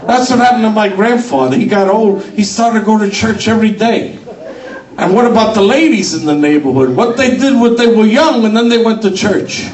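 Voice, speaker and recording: A man's voice: sits high, animated, normal speed, darkish tone. A man telling a comic story on stage and mixing dialect into broken English. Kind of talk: stand-up storytelling. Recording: roomy sound from a distant mic.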